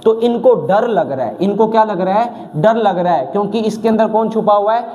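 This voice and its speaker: A man's voice: sits high, normal speed, warm tone. A man teaching exam vocabulary, asking questions and answering them himself, with a slightly sore throat. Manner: asks questions and answers them himself, repeating key words.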